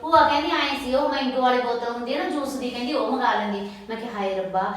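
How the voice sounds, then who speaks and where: A woman's voice: a little high, lightly acted. An actress playing a flustered young village wife who talks on and on to keep her guests happy. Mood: venting. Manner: fast, placating chatter. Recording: echoey room, distant mic.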